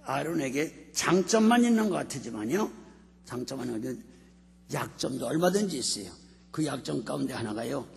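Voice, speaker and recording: A man preaching a sermon as senior pastor in a church, animated and often asking the congregation to respond. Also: fairly high pitch, vocal fry, slight background noise. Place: church sanctuary. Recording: long hall reverb.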